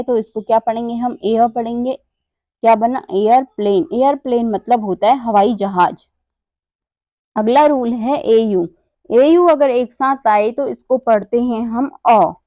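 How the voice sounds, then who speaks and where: Slow, careful woman teaching pronunciation. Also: on the high side, a little mellow, dry recording. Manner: spells words letter by letter, asks and answers her own questions. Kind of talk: slow spelling-out lesson.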